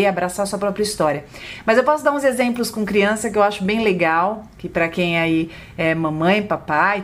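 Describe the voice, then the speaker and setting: Warm, explaining woman psychologist. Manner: gentle, explanatory, lively pitch when voicing a parent to a child. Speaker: psychologist co-host. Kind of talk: podcast talk, explaining.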